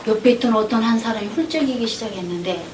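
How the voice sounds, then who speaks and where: A woman with a high voice gives a church lecture as a counselor, telling stories with animation. She is heard from far off in an echoey hall. Steady background noise runs under her voice. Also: quick pace. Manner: animated storyteller who acts out the dialogue. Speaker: counselor giving a talk.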